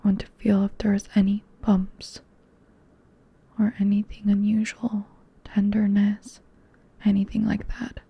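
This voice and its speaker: Woman as a calm ASMR doctor, slow breathy whisper, flat and even, dull lo-fi sound. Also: medium pitch, no room sound. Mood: soothing. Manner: soft unvoiced whisper. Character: gentle woman doctor examining a patient. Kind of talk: ASMR roleplay.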